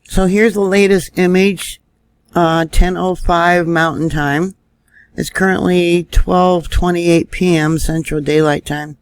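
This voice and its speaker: Guy doing a screen-share news vlog, kinda gravelly, dry close mic, lots of um and uh. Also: high-pitched, flat delivery, slow, no room sound. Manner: thinking aloud, trailing fillers. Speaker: news vlogger. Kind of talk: casual screen-share commentary.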